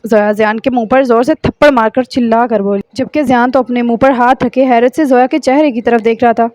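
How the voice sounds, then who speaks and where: A woman reads a novel aloud in a steady storytelling manner. Her voice is high. The recording is dry, with no room sound. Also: dry recording. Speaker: narrator. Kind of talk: audiobook novel reading.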